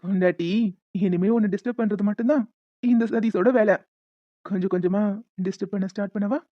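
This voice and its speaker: A woman voicing a playful, persistent young newlywed husband in an animated short, bantering and coaxing. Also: mid-range voice, a little fast, lo-fi sound, lightly acted. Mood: teasing. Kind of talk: cartoon voice acting.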